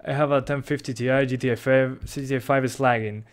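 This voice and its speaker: A young man from Uruguay with a Rioplatense Spanish accent, speaking his native Spanish, reads out and answers chat questions on a live stream at a fairly quick pace. His mid-range male voice stays relaxed, and he chuckles often.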